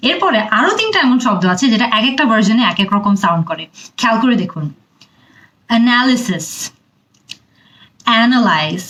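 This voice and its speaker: Lively woman teaching pronunciation. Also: on the high side, poor audio. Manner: slow, exaggerated stress when modeling English words; asks the viewer questions. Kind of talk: scripted pronunciation lesson.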